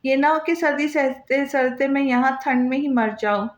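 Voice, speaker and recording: A woman's voice: high voice, normal speed, close to an everyday voice. A woman voicing a frightened young wife who pleads timidly, in a roomy, dull lo-fi recording. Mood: pleading.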